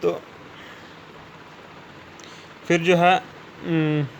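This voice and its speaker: Guy teaching vocab in hindi, kinda high flat monotone voice, keeps saying theek hai na, faint ac hum. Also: gravelly, poor audio. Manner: repeats "ठीक है ना" after each point, slows down for English definitions. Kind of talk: explaining word meanings in Hindi.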